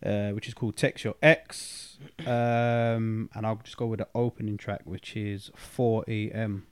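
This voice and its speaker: A man's voice: on the low side, little pitch movement, a little slow, slight background noise. A man with a London accent, chatting casually as a podcast host. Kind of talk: casual chat.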